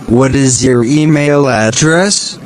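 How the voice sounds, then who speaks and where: A man's voice: mid-range voice, slow pace. A man asking simple scripted questions in a repeated language-practice dialogue.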